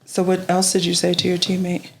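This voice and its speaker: A woman's voice: on the low side, completely flat delivery, a little fast, gravelly, reverberant. A woman hosting a podcast, asking young players probing, coaching questions. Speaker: podcast host.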